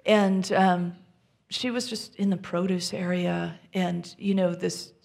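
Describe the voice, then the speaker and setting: A woman minister giving a gentle, reflective sermon, often dropping to a soft near-whisper. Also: on the low side, fairly even intonation, slow, creaky.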